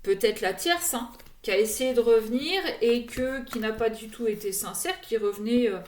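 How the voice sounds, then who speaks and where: A woman's voice: fairly high pitch, moderate pace, reverberant. A woman giving an oracle card reading to her viewers in a casual, hesitant way, full of fillers and restarts.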